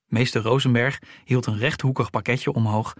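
A man narrating a children's story in a steady, even reading voice. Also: mid-range voice, moderate pace, no echo, clean studio sound.

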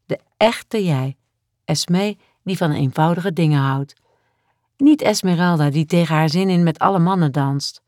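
A woman voicing a tender, self-mocking grown man who speaks softly and earnestly in an audiobook. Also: sits low, a little slow, no echo, studio quality. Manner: soft and earnest. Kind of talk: audiobook character voice.

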